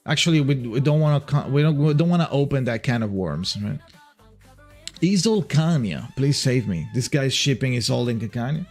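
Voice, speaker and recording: Over soft background music, a man from Italy with an Italian accent hosts a casual livestream and reads viewer messages aloud. His mid-range voice is a little mellow, with lively intonation and normal speed. His talk rambles, with frequent restarts.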